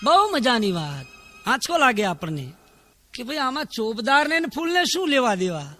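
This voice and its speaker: A man's voice: very high-pitched, very animated, moderate pace, pushed and bright, faint music behind. A man telling a heroic folk tale in a dramatic, declamatory dayro style, stacking rhythmic lists. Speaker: folk storyteller. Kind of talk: dayro folk storytelling performance.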